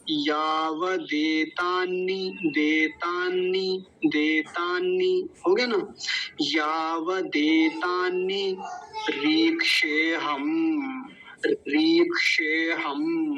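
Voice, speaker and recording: Patient high-voiced man teaching recitation. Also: a bit bright, lo-fi sound. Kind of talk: slow syllable-by-syllable pronunciation lesson.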